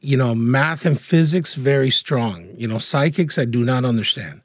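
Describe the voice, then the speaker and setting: A man with a husky voice, a guest in an interview, telling anecdotes in a lively, casual way with frequent laughs. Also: medium pitch, normal speed, no room sound, studio quality. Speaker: interview guest, feng shui consultant.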